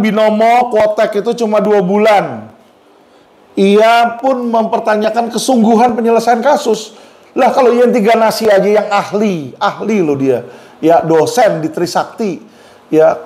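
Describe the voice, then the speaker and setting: Combative high-voiced man with slang. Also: a little mellow. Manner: combative, mocking, addresses viewers directly. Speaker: lawyer giving legal commentary. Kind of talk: blunt commentary to viewers.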